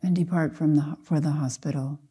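An older female Zen teacher guides a meditation in a low, slightly rough voice with a steady tone. Her speech is soft and gentle, made of short, measured phrases broken by long pauses.

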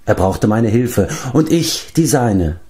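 A man's voice: fairly low pitch, very animated, slow pace, warm tone. Man doing a loyal young pig-keeper lad, earnest and heartfelt, storybook reading. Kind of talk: audiobook reading.

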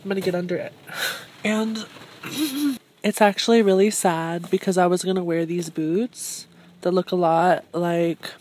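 Holding her phone camera at arm's length, a bubbly, self-admiring young adult woman chats casually for her thrift vlog from a car and a thrift store. Her voice is on the low side and darkish, at a measured pace, and the phone recording is noisy.

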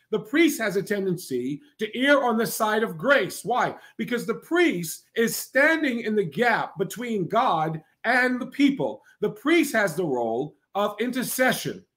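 A man with a notably high voice preaches in a broadcast sermon. His delivery is emphatic and repetitive, with steady "right?" and "all right?" checks to his listeners. He builds points through chanted lists. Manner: emphatic, repetitive cadence with frequent "right?" asides. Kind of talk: preaching to a live online audience.

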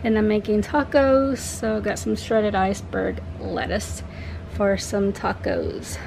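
A young mother vlogging from her home kitchen shows off a grocery haul in a casual, unscripted show-and-tell. She's chatty and rambling, correcting herself as she goes, speaking slowly in a medium-pitched voice with vocal fry and a steady tone. Background noise is noticeable.

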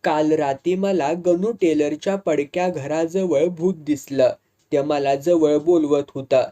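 A man voicing a hot-tempered, boastful village wrestler who talks in a rough rustic way and threatens people. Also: a little high, fairly even intonation, slow, dark tone. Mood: sheepish. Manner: blustering, threatening, rustic speech.

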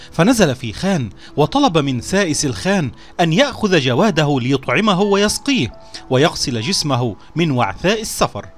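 A man telling a storybook tale in scripted narration, with a measured, expressive recitation. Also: a little high.

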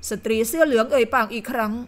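A woman with a high voice narrates an audio novel, telling the story in a steady, even manner. Her delivery is scripted storytelling from start to finish. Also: rapid-fire.

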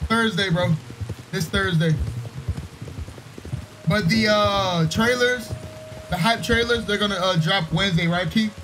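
A man's voice: high-pitched, measured pace, long pauses, low-quality recording. A young man live streaming a game, chatting casually in laid-back slang and calling everyone "bro".

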